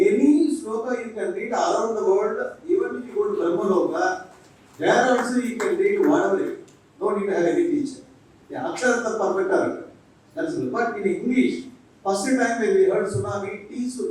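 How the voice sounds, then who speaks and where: Man, monk lecturer, humorous, slow-paced, distant mic, faint room noise. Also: sits high, a little mellow. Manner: jokes and acts out little dialogues, switching between English and Tamil. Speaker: monk giving a talk to teachers. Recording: echoey hall from far off.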